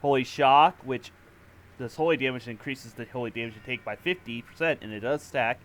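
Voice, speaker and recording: A man's voice: medium pitch, brisk, a bit bright. A man giving casual walkthrough commentary on a video game. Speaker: gamer making a walkthrough.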